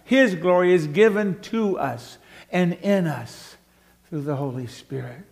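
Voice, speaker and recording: A man preaching a sermon in a church, slow and measured, building to loud emphatic passages and then sinking to soft, hushed ones. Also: high-pitched, gravelly. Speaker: pastor. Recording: long church hall reverb.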